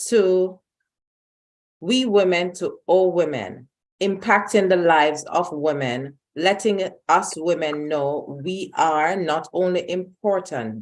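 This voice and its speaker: A woman from Jamaica giving an earnest, uplifting self-introduction on a video call. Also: on the low side. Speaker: guest speaker.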